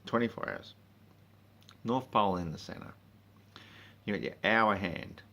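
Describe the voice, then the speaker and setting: A man in a drunken, rambling, sweary rant, speaking informally and haltingly, with emphatic bursts and muttered asides. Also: fairly low pitch, creaky, sharp tone. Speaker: monologue speaker.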